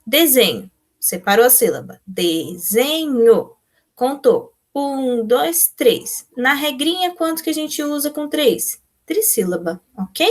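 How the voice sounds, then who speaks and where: Brazilian woman teacher, young adult, patient and methodical, voice a bit high. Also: sing-song, measured pace. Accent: Brazilian Portuguese. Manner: patient, explains step by step, answers pupils' imagined questions. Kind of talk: remote class walkthrough of textbook exercises.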